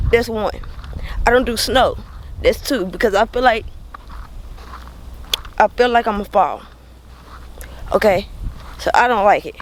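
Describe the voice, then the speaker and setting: Texan woman vlogger with grill-impeded speech, noisy outdoors. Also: fairly high pitch. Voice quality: slightly impeded speech from a teeth grill in the mouth. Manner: slangy, repeats words for emphasis. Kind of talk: casual vlog chat. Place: outdoors, walking in snow. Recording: noisy windy outdoor recording. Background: wind and outdoor noise.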